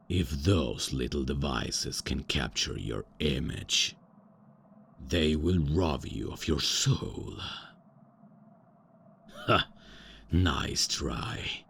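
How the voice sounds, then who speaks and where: In this ASMR roleplay, a voice actor gives a full character voice to a pompous vampire count, eccentric and out of touch. The voice is extremely low, deep and gravelly yet a bit bright, unhurried and formal, with grand statements undercut by nervous fillers and quick self-corrections, plus a little hiss or hum.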